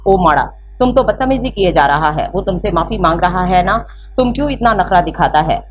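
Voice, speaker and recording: A woman's voice: lowish voice, expressive, fairly quick, lightly acted. A woman voicing a fiery young Pathan girl. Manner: brash, threatening, mixes up grammar. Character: feisty young Pathan woman, quick-tempered. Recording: slightly muffled with faint hiss.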